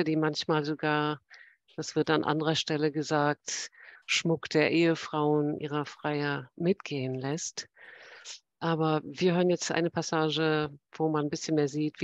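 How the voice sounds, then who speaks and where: A woman's voice: sits low, no echo. A woman moderator at a literary event, formally inviting the guests to read and framing each passage. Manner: polite and formal, introducing readers. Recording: dull, muffled sound.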